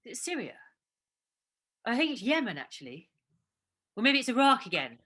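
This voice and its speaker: A woman's voice: a little high, big pitch swings, moderate pace, bright, forceful tone, heavily acted. An actress playing an anxious woman with a London accent, cooking dinner for her partner and talking in a fretful, hesitant way in a naturalistic stage drama. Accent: London English. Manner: fretful, hesitant, restarts when nervous. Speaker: actor in a two-hander play.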